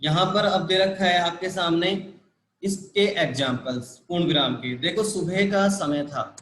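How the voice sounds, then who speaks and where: A man's voice: sits high, a little slow, a bit bright. Man teaching a lesson in an echoey room. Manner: repetitive, patient explaining with frequent "ठीक है" and "देखो". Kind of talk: live online grammar lesson.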